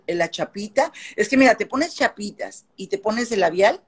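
An older woman with a Veracruz accent, a guest on a livestream, telling lively anecdotes in casual chat. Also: mid-range voice, normal speed, breathy edge.

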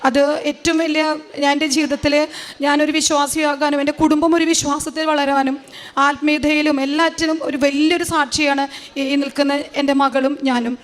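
A middle-aged woman with a Malayalam accent giving a personal testimony, speaking slowly and haltingly with many fillers. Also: high voice, flat delivery. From Kerala, India. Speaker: testimony giver.

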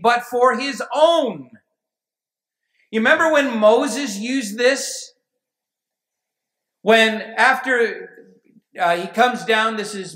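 Male pastor, high bright voice, emphatic preaching, roomy church sound. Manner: emphatic preaching, rising to near shouts. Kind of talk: sermon. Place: church sanctuary. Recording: echoey church room.

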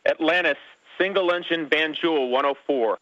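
A man working as a mission control communicator, giving clipped call-outs over a breaking-up space radio. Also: normal speed. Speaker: mission control communicator calling the shuttle crew. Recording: dull noisy radio link, loud rumble.

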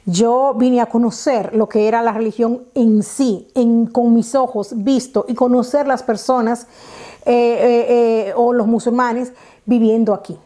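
Dominican accent woman, chatty, lots of fillers, higher pitch, warm mellow tone, lapel mic, living room. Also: measured pace. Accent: Dominican Spanish. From Dominican Republic. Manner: chatty, animated hand gestures, many fillers and restarts. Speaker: vlogger. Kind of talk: casual storytelling to camera. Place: living room at home, indoors.

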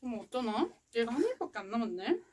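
A woman's voice: a little high, sing-song, fast talker, darkish tone, slight background noise. A woman, chatting casually and teasingly as she hosts an eating show. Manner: playful, teasing. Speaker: mukbang host. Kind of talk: casual chat while eating.

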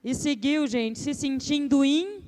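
A woman telling a story live to a seminar audience, expressive and playful, asking the crowd to raise their hands. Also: high voice, measured pace. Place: seminar stage before an audience.

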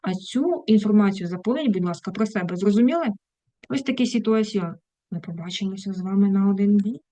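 A woman's voice: medium pitch, expressive, fast, dark tone, no room sound. A woman English teacher giving a casual online lesson, chatty, breaking off mid-thought and turning to her students with fond asides. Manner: chatty, self-interrupting, affectionate asides.

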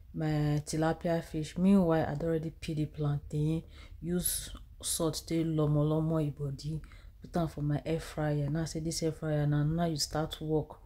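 Chatty Nigerian woman, low mellow voice. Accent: Nigerian English, with Pidgin. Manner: chatty and animated, mixing English with Pidgin. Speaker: cooking vlogger. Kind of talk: casual voice-over narration of a cooking vlog. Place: home kitchen.

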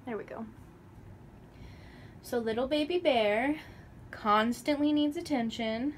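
Indoors in her home's pet room, a woman in her twenties chats casually for a vlog, talking sweetly to her pets. Her voice sits high, she speaks slowly, and there is slight background noise.

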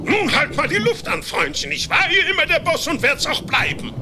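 A man playing a boastful, bossy, joking ship captain in a German cartoon audio play, pompous and quick to laugh at himself. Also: very high-pitched, huge pitch swings, bright, forceful tone, a little hiss or hum, exaggerated voice. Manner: pompous, jokey, laughing at own jokes. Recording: music behind the voice.

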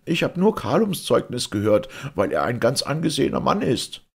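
A servile police judge makes nervous, evasive excuses in a slightly raised voice, as a male narrator puts him on. Underneath there is a rough, husky grain to the voice, and the delivery has the feel of a storybook reading. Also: low-pitched, sing-song, moderate pace, full character voice. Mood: fearful.

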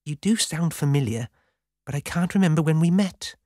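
A narrator voicing a young woman, a curious orphan rock star, in a skeptical, questioning way with lively intonation. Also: mid-range voice, moderate pace, no echo, studio quality, voice pushed up, close to an everyday voice.

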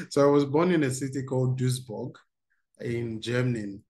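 A man's voice: medium pitch, steady tone, a little slow, darkish tone. Upbeat man on a video call. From Nigeria. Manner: upbeat, reads out chat replies, chuckles often. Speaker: workshop speaker for teens. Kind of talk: interactive online workshop. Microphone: video call webcam.

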